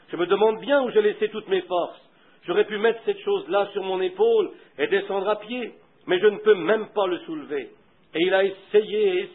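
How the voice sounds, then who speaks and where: A man preaching a sermon, telling a story and leading prayer in a fervent way that swings from hushed to loud. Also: sits high, husky. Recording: tinny, phone-like old recording.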